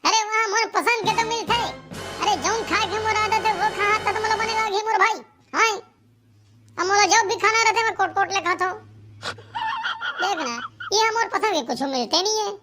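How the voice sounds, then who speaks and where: A voice actor playing a fussy, hungry village man in a cartoon comedy, complaining loudly in a Chhattisgarhi accent. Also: extremely high pitch, normal speed, music in the background. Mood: fed up. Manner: loud complaining, stubborn.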